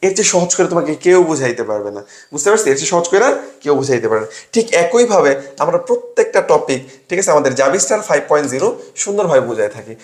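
A man's voice: a little high, very animated, racing, roomy sound. Young man drilling a grammar rule. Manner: drills by asking and answering his own questions. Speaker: admission coaching tutor. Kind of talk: classroom lesson with sales pitch.

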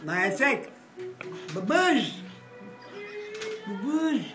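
An older man holding forth at a cafe table, boisterous and rambling, swearing and breaking into loud outbursts. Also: very high-pitched, very animated, drawn-out words, recorded from a distance. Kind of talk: rowdy table talk. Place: cafe with glass front, indoors. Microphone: phone camera across the table. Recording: echoey room, voice off-mic, music behind.

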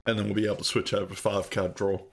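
Male host, casual let's-play chat, sweary and rambling, lowish voice. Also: level tone, rapid-fire, creaky. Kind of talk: casual game commentary.

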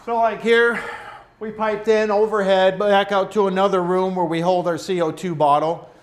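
Brewery owner, 50s, casual demo voice, slightly high, roomy echo. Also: male voice, normal speed. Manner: relaxed, practical, pointing things out while talking. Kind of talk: casual equipment walkthrough. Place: brewery floor among steel tanks, indoors. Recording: echoey brewery room with faint hum.

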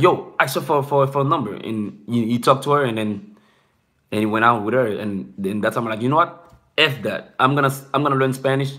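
With a medium-pitched, sharp voice, a young man who isn't a native English speaker casually chats with viewers on a live stream from a small room. He's loose and rambling, leaning heavily on "bro" and "you know what I'm saying."

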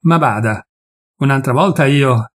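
Man reading as a gruff stern forest warden. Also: medium pitch, a little slow. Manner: curt, gruff.

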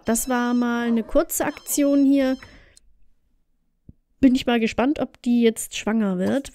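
A woman's voice: fairly high pitch, warm tone, no echo, clean studio sound. A woman hosting a let's play, chatting casually through her gameplay and talking directly to the game characters.

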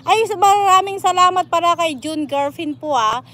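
High-voiced woman chatting in her garden. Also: expressive, moderate pace, fairly bright tone. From Philippines. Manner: chatty, rambling, reads viewer comments aloud. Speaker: vlogger. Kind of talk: casual live vlog chat. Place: outdoor garden, weeding. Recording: clear outdoor noise with birds.

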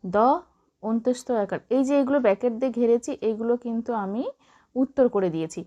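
A woman with a fairly high voice teaches young children, drawing each letter and syllable out slowly and clearly. She breaks in now and then to encourage them. The recording is dull and lo-fi. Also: warm tone. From Bengal. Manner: slow, drawn-out letter-by-letter spelling with encouraging asides. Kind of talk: children's spelling lesson.

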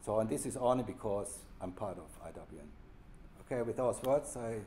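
Low-voiced German-accented man presenting. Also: expressive, moderate pace, warm tone, a little hiss or hum. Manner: unscripted, restarts phrases, plain informal wording. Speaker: program leader giving an update. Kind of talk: workshop presentation. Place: workshop room.

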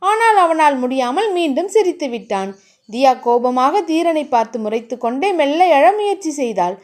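Expressive, high-voiced woman narrator. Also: normal speed. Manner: expressive and animated. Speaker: audiobook narrator. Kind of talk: romance novel narration.

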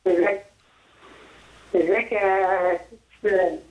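A woman's voice: medium pitch, steady tone, slow. A woman calling in to a show, repeating her greetings over a bad phone connection that keeps cutting out. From Egypt. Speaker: caller. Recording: muffled phone line from far off.

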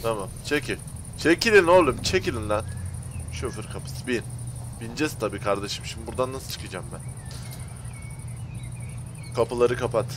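A man's voice: mid-range voice, animated, moderate pace, long pauses, background noise. A young man commentating on a game he is playing, talking to viewers in a slangy, exasperated way. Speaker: gaming YouTuber. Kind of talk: gameplay commentary.

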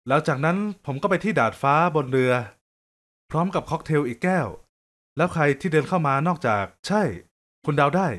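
Upbeat male storyteller with a fairly high voice; casual, joking first-person narration. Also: brisk. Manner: lively, joking, conversational.

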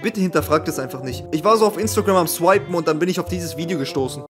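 A man's voice: a little high, fast. A young man giving casual, slangy reaction commentary in an incredulous, exclamatory, jokey way. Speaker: reaction video host. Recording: music playing behind the voice. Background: music.

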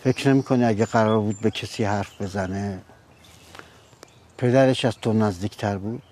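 A man's voice: on the low side, warm tone, slight background noise, natural voice. An actor playing a stern, authoritative older father who speaks in a firm, reproachful way. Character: stern, authoritative family patriarch.

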